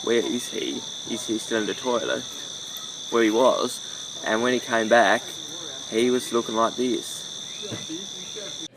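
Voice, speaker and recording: Distant man, halting. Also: mid-range voice. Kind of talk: casual recap talk. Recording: distant mic with background noise.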